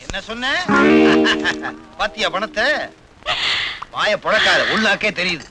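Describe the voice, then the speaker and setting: A wily comic swindler. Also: male voice, sits high, unhurried, poor audio. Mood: sly. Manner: sly, whining excuses. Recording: film soundtrack with music.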